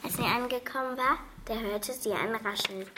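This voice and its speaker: A woman reading a self-written fairy tale aloud in a plain, slightly halting manner. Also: a little high, very noisy. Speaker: storyteller.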